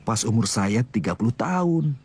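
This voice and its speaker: An actor playing a dismissive young man in his twenties who mocks his parents' plans, with a husky voice. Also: medium pitch, expressive, normal speed, a little mellow. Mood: mocking. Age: 20s. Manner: teasing, laughs off his parents. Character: young man back from the city, dismissive and cocky. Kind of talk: TV drama acting.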